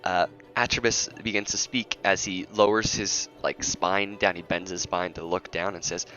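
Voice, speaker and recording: A man's voice: low voice, fairly even intonation, moderate pace, sharp tone. A man narrating as game master of a tabletop game, teasing the players and often laughing. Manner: laughing, teasing, self-interrupting. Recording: muffled lo-fi audio, faint music.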